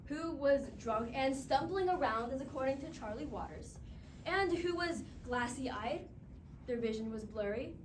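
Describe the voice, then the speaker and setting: A woman acting as defense counsel delivers a passionate, emphatic courtroom closing argument, with rhetorical questions and dramatic pauses. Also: sits high. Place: echoey indoor room, recorded from a distance. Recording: distant mic, echoey room, clear background noise.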